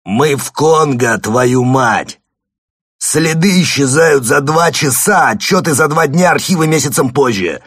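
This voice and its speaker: A blustering old giant of a father, scornful and overbearing, voiced by a male audiobook reader. The voice sits very low and sounds close and dry. He mocks his son in a heavy, bullying tone. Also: moderate pace, no echo. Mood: furious shouting. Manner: sarcastic, explodes into shouting.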